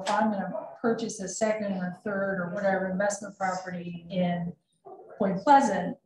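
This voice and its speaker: A woman's voice: mid-range voice, distant mic. A woman in her fifties, a council member thinking aloud in a meeting discussion. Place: council chamber. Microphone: desk microphone. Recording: echoey chamber.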